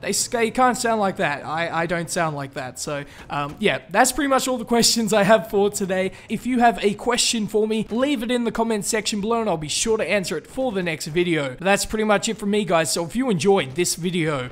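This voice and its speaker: Young Aussie YouTuber, higher-pitched man, chatty and upbeat, answering viewer questions casually. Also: fairly quick, few pauses. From Australia. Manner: chatty and upbeat, with fillers and restarts. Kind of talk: casual Q&A vlog.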